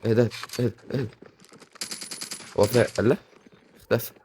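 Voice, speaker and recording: A young man with an Egyptian Arabic accent giving casual, excitable commentary over a video game he is playing. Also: mid-range voice, very noisy. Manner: excitable, rapid banter and repeated exclamations. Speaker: gaming YouTuber.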